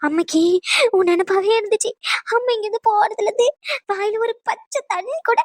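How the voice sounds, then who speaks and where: Woman voicing old cartoon granny, tearful wailing, very high, dry sound. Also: brisk, darkish tone, no echo. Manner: tearful, sing-song wailing. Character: fussing old grandmother, wailing and affectionate. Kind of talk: cartoon dub voice acting.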